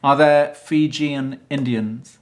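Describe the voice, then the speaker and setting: Guy interviewing a model, chatty, keeps jumping in, average pitched voice. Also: fairly even intonation, slow. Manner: chatty, inquisitive, frequent interjections. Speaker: host, fashion photographer. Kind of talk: conversational interview.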